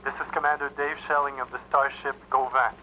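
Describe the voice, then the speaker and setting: A man's voice: mid-range voice, level tone, brisk, pushed and bright, highs cut off, slight background noise. A man playing a starship commander in an ad, answering over a sci-fi radio communicator in clipped, formal radio protocol. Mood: steady.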